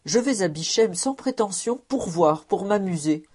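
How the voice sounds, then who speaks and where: A woman's voice: mid-range voice, expressive, moderate pace, a little mellow, breathy edge. A woman reading the lines of a fussy, self-important man with a cane in a storybook, in a protesting, judicious manner.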